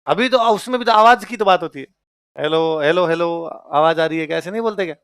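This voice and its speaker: A man's voice: high voice, fast, clean tone, dry recording, clean studio sound. A young man with a Rajasthani accent, giving a joking classroom lecture and quizzing his students. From Churu, Rajasthan. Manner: lively, jokey, asks the class questions. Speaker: teacher.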